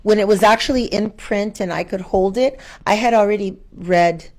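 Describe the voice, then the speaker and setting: Speaking at normal speed in a mid-range voice, a female schoolteacher answers an interviewer's questions. She's reflective and expressive in a chatty way, often repeating her own thoughts and tossing out rhetorical questions.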